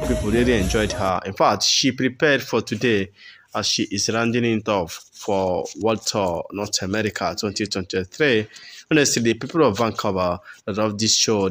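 Man, low-pitched voice, casual voice-over, chatty and rambling, lots of uh fillers. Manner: chatty, repeats himself, many fillers. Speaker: channel host.

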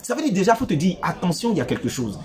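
A man giving relationship advice in a playful, teasing monologue that swings between loud outbursts and low asides, speaking straight to his listeners. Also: very animated, racing.

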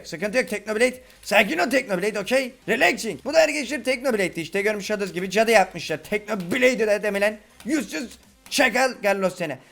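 Brief: male gaming YouTuber, very high voice with a gravelly edge, excitable play-by-play. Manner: excitable, loud exclamations, chatty with viewers. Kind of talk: Minecraft gameplay commentary.

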